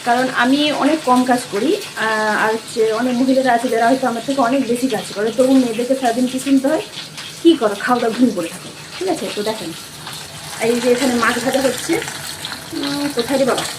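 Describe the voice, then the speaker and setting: A woman's voice: high-pitched, steady tone, fast talker, background noise. A middle-aged woman talking casually through a home vlog as she cooks and tidies, chatty and complaining, often correcting herself mid-word. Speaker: cooking vlogger. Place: at home, kitchen and rooms.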